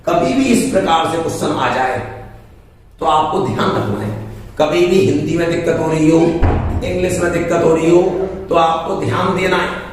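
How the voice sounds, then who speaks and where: In a coaching classroom, a man with a slightly high, expressive voice works through math exam problems step by step at a moderate pace, repeating each number aloud as he calculates. The room echoes, he is far from the mic, and faint music and ambience sit behind him.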